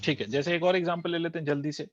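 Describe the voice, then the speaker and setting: A man's voice: a little high, steady tone, very fast. A male physics teacher, giving a classroom lecture that mixes Hindi and English, quizzing students and repeating key terms. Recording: dull lo-fi dry recording.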